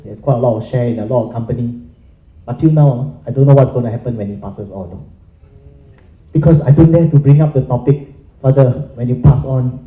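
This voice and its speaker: Middle-aged man, panelist, frank and conversational, roomy reverb on the voice. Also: mid-range voice. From Singapore. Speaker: panelist in financial services. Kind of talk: panel discussion. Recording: echoey room, tinny phone-like sound.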